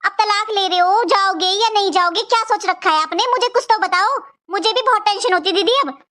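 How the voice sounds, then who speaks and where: A woman's voice: very high voice, fairly quick. A woman voicing a scheming, bossy young sister-in-law in a cartoon, nagging and taunting. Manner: nagging, taunting, sharp-tongued. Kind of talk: cartoon voice acting.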